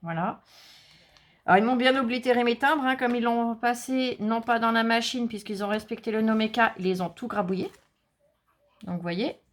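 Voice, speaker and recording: A woman's voice: a little high, fairly even intonation, normal speed. A woman hosting a casual crafting tutorial, chatting to viewers with many fillers and asides while she works. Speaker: craft channel host.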